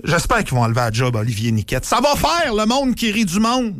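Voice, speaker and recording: Male radio host, Quebec accent, notably high voice, teasing casual banter, dry studio sound. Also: expressive, brisk, fairly bright tone, dry recording. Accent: Quebec French.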